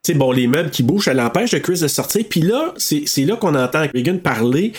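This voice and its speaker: Quebec French host, animated storyteller in casual chat. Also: male voice, on the high side, a little fast. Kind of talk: casual chat about a film.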